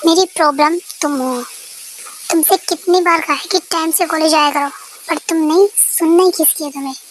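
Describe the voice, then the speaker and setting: A woman's voice: very high voice, moderate pace, slight background noise. A woman voicing a strict young male professor who scolds his wife, in an amateur fan dub. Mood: stern. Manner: stern, scolding.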